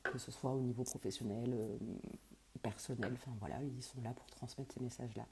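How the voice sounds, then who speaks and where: A woman's voice: extremely low pitch, steady tone, a little fast, dark tone, a little hiss or hum. A woman working as a medium who answers viewers' questions in a casual live stream, talking hesitantly with many fillers and restarts.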